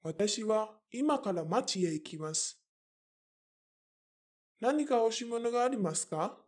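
A woman voicing a weary middle-aged merchant father, speaking slowly in a lowered voice as if muttering to himself. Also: lively intonation. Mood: asking.

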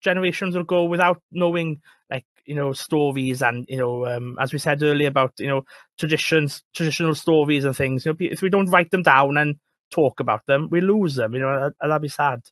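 Give me a high-pitched Welsh man chatting about books, hesitant and rambling. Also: brisk, a bit bright, no echo. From Wales. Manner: rambling, hesitant, repeats words. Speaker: librarian, guest. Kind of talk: casual book chat.

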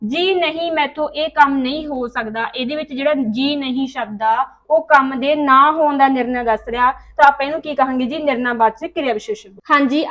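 A woman teacher with a high voice explains grammar in a relaxed, conversational way. She keeps asking her students questions and then answers them herself, step by step. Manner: Punjabi-style informal speech.

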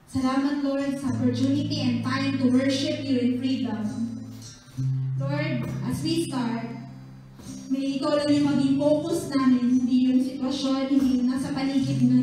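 A woman's voice: sits high, mellow. Woman praying over music in an echoey hall. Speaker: worship leader. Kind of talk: spoken prayer. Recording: very echoey hall, far from the mic.

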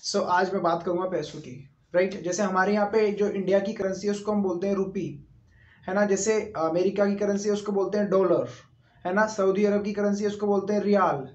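Man, Indian English accent, high voice, casual video lesson, keeps asking "right?", slow spelled-out examples. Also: fairly even intonation. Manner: chatty, keeps checking with tags like "right?"; spells out example sentences slowly. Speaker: English teacher. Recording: echoey room, dull lo-fi sound.

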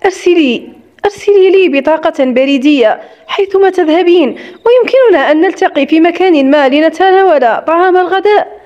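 A woman voicing a young woman, a loyal friend who speaks gently and soothingly, in an audiobook story. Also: very high-pitched, lively intonation, a little fast, lo-fi sound. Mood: gentle.

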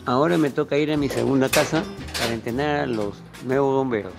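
A man with a Peruvian accent, a firefighter and cooking vlogger, talking earnestly and haltingly, often repeating words as he searches for them. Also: mid-range voice, vocal fry, over music. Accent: Peruvian Spanish. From Peru. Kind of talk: interview and vlog talk.

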